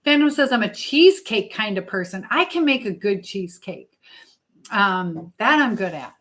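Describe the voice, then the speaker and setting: Expressive and a bit bright, a livestream host speaks at medium pitch and normal speed. She chats casually with viewers and reads their comments out conversationally, with clicks and noticeable background noise behind her.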